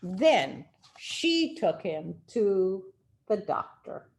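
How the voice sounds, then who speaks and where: Here a woman who is a storyteller and rabbi reads from a children's picture book at a medium pitch. Dramatic pauses punctuate her expressive, unhurried storytelling style.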